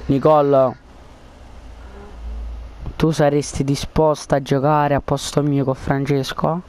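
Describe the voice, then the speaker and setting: A man's voice: fairly high pitch, little pitch movement, takes it slowly, darkish tone. A man chatting casually over a game headset, rambling with lots of fillers and coaxing a friend during a prank. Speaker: gaming video creator. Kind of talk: casual gaming chat and prank.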